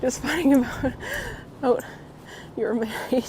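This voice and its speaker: This woman's voice sits high with a darkish tone and a measured pace, slightly roughened by a cold she's getting over. She walks a windy city street chatting live with viewers, friendly, greeting them by name and laughing often. A clip-on mic on her coat records her amid traffic and wind.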